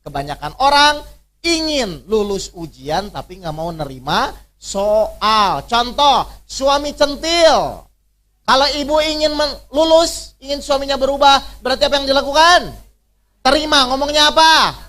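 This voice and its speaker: A man's voice: very high-pitched, expressive, unhurried, bright, forceful tone. A male preacher leading an interactive religious workshop, constantly quizzing his audience with questions and teasing them through everyday examples.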